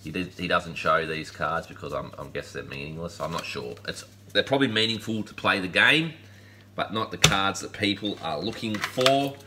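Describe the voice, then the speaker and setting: A man's voice: deep voice, moderate pace, noisy background. A man, hosting a casual unboxing chat, upbeat and rambling with laid-back slang. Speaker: collectibles channel host. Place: indoor room lined with collectible shelves.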